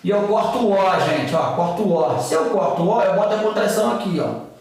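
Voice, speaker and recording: A Brazilian man teaching a grammar lesson with a voice set a bit higher than most men's. He talks in a chatty way and keeps checking in with his students as he explains. The sound is very echoey, as if the room had bare walls. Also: lively intonation, brisk, a little mellow. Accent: Brazilian Portuguese. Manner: chatty, often checks in with "tá?" and "gente". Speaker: English teacher.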